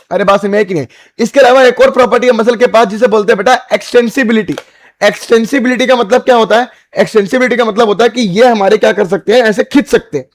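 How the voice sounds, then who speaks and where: A man with an Indian accent delivers an exam-prep biology lecture in a fairly high voice. He repeats each point, asks the class whether it is clear, and calls the students "beta" and "bhai". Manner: repetitive, asks students if they understood. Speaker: biology teacher.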